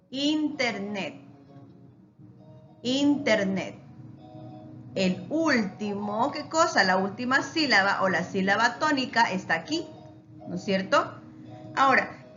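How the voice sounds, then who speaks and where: A woman teaches a recorded lesson in a slow, deliberate way and lets her voice rise and fall a great deal. She keeps posing questions to her class and answering them herself. Her tone is bright, and the recording sounds dull and lo-fi. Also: a little high.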